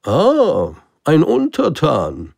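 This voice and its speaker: A man voicing a pompous old king in a storybook, giving loud commands. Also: mid-range voice, big pitch swings, a little slow, dry recording, studio quality, voice pushed up. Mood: commanding. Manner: commanding, declaiming orders. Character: pompous old king, bossy but kindly.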